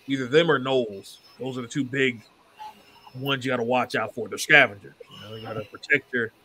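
A man's voice: mid-range voice, steady tone, a little fast, sharp tone, slight background noise, rough recording. A man narrating as the game master of a tabletop game, in a laid-back, loose storytelling way. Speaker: dungeon master.

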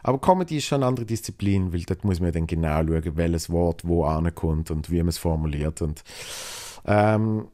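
A young man from Switzerland with a Basel Swiss German accent hosts a solo podcast, reading listener mail and talking loosely with lots of fillers and restarts. His voice is deep, warm and animated at a moderate pace.

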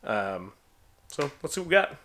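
A man's voice: medium pitch, big pitch swings, moderate pace, sharp tone. Rambling man chatting over old toys. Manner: rambling, self-deprecating, lots of ums. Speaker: toy collector vlogger. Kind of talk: casual unboxing chat. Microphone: handheld camera, then on a tripod. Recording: faint background noise.

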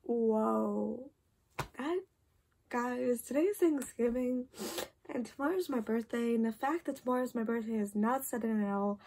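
Late at night in her bedroom, an 18-year-old vlogger about to turn 19 chats to the camera. Her voice sits on the high side with a darkish tone, and she sounds tired and rambling, saying "like" and "literally" a lot.

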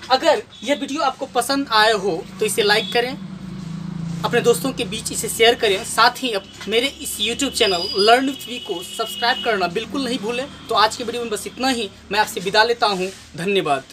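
A man teaching English pronunciation, patiently explaining word meanings and repeating each word slowly and deliberately. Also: very high-pitched, background noise. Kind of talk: pronunciation lesson.

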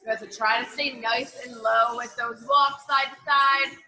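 Bright-voiced young woman aerobics instructor. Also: fairly high pitch, steady tone, a little slow. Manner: encouraging, pushing. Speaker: group fitness instructor. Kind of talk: aerobics instructor coaching and counting down a workout. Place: large indoor gym. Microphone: a few feet from the camera.

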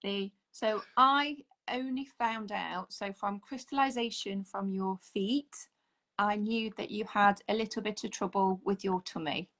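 A woman's voice: mid-range voice, steady tone, unhurried, a bit bright. A woman in her forties, a holistic therapist, chatting earnestly as a guest on a video call. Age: 40s. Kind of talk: casual video-call chat. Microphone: video call, audio only.

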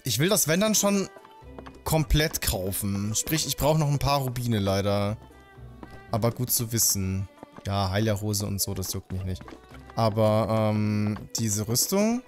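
A man in his thirties doing casual let's play commentary. He talks in a slangy way with lively intonation at a middling pitch, close on the mic, with game music clearly behind. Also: a little slow. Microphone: desk microphone close to the mouth.

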